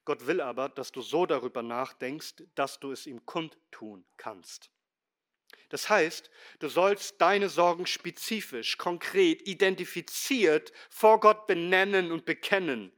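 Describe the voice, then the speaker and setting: Middle-aged male pastor, sermon delivery, bright ringing tone, emphatic with hushed low drops. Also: a little slow. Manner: emphatic preaching, swinging between loud stresses and quiet low asides.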